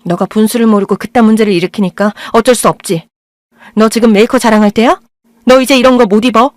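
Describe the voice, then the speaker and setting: A woman playing a harsh, irritable middle-aged mother in an audio drama, snapping in sharp scolding tones. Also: a little high, fairly even intonation, fast talker, no echo, close to an everyday voice.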